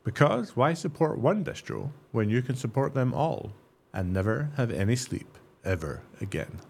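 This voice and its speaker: A man's voice: mid-range voice, sing-song, normal speed, vocal fry, a little mellow, breathy edge. A man co-hosting a tech podcast. He moves from a scripted intro with sarcastic jokes into casual interview questions. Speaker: podcast co-host.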